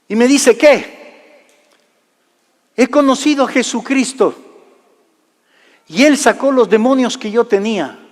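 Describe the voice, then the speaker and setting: A man preaching a sermon, telling a personal story and swinging from loud to hushed delivery. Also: very high voice, moderate pace, long pauses. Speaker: pastor. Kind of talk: sermon testimony. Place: large church hall. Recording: live church hall reverb.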